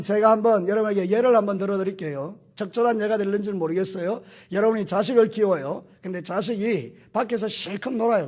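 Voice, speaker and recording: A man's voice: high-pitched, a little mellow, breathy edge. A male pastor giving a Sunday morning sermon in church. He talks straight to the congregation and asks them questions. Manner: addresses the congregation directly with questions; acts out quoted voices. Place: church sanctuary.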